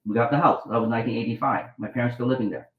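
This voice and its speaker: Racing along in a mid-range voice with fairly even intonation, a middle-aged doctor and author from Vietnam spins rambling anecdotes as an interview guest. Restarts are frequent and he acts out the quotes. The audio has a roomy echo and is muffled.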